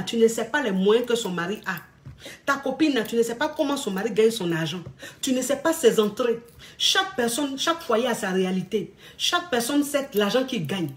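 A woman relationship coach talks straight to her audience in a blunt, scolding way. Her voice sits a little high. She tells stories in a lively way to make her point. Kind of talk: casual advice monologue.

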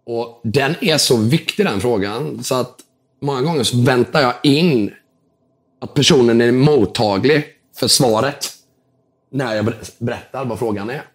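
Telling a lively story as a guest entrepreneur, a man with a medium-pitched voice acts out the conversation in a casual interview. He drops in English words and swears from time to time, keeping things informal.

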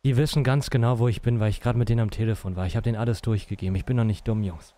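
A man's voice: lowish voice, steady tone, racing, warm tone. Pleading, stammering roleplay man. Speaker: roleplay player as captured agent. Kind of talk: in-character roleplay.

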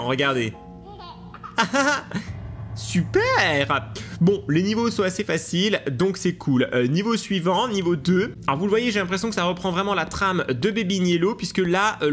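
A man commentating a video game to his viewers, excitable and laughing often, with hiccups. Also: sits high. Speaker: gaming YouTuber. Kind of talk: let's play commentary.

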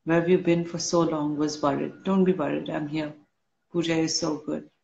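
A woman hosting a casual live stream, reading fan comments aloud and answering slowly while a little unwell. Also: sits low, creaky. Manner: slow, relaxed, answers comments one by one. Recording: dull lo-fi stream audio.

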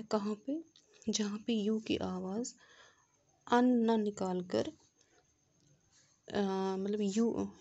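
A woman teaching a grammar lesson, her voice gravelly and warm in tone. She explains each rule step by step, often pausing to ask whether the class follows. She reads her example sentences slowly and carefully. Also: medium pitch, dull audio. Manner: explains step by step, asks rhetorical check questions.

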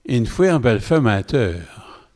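A man with a Walloon accent reads a story aloud at an unhurried pace. His pitch sits in the middle range. A long hall reverb trails after his words. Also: big pitch swings, a little mellow.

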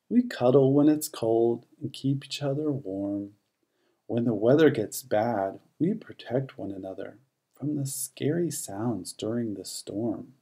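Here a man with a medium-pitched voice reads aloud from a rhyming children's picture book, telling the story in a measured, expressive way.

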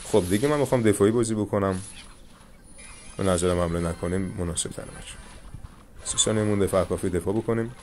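A young man commentating his own mobile game match, calmly coaching viewers through each move. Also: low voice, pauses often, slight background noise. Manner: coaching viewers, calm reassurance. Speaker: gaming channel host. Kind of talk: live gameplay commentary with tips.

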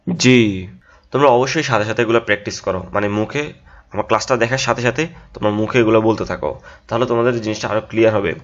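A man runs an English pronunciation lesson, repeating each word aloud and keeping a brisk pace. His voice sits fairly low. The recording is dull and lo-fi. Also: steady tone. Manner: drills words aloud, keeps adding a quick "yes". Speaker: English teacher. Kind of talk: casual classroom explanation.

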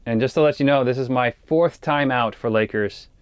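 A man vlogging from a little ice fishing shelter on a frozen lake talks casually and ramblingly to viewers, with an action camera facing him. His voice is mid-range and moderately paced. It comes across clear and resonant with no echo.

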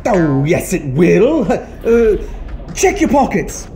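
A woman voicing an excitable, boyish alien puppet in a children's show, dramatic and exclamatory with nervous stammers. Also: medium pitch, takes it slowly, slight background noise. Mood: greedy, insistent. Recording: music behind the voice.

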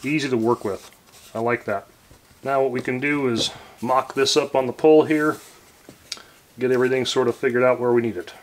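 A relaxed man in his forties walks through a hands-on project in his home workshop, speaking at an ordinary middle pitch. He rambles easily, with plenty of ums and restarts. His voice comes from a camera mic a few feet away. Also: fairly quick, pauses often, a little hiss or hum. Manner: relaxed and rambling, lots of fillers and self-corrections. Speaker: woodworking channel host. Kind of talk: casual workshop tutorial.

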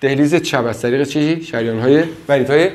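A man's voice: medium pitch, darkish tone. A man giving a classroom lecture, quizzing his students with frequent questions.

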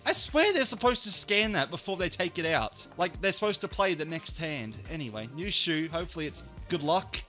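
Man, blackjack streamer, swearing, muttering then shouting, lively pitch, bright tone. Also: normal speed, hardly any pauses, faint music behind. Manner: excitable, swears a lot, swings from muttering to shouting. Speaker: online casino streamer. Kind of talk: live blackjack play commentary.

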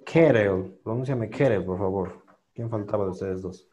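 Male English teacher, low and warm, drilling pronunciation over a call. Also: highs cut off. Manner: patient, repeats sounds slowly and stresses them. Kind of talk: online class, coaching students one by one.

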